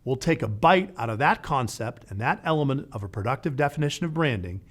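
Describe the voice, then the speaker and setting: Guy hosting an explainer show, animated up-and-down delivery, jokey little asides. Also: medium pitch, brisk. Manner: lively with playful asides. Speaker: podcast host. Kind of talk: scripted educational narration.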